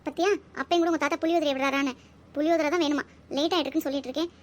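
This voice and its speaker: A woman voicing an impatient old grandmother in a Tamil cartoon who scolds loudly. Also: high-pitched, steady tone, racing, lightly acted. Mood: scolding. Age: older.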